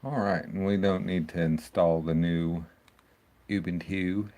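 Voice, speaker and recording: A tech video host with a low, mellow voice and fairly even intonation hosts a casual screen-recording walkthrough, speaking unhurriedly. He rambles and thinks aloud as he works at his computer.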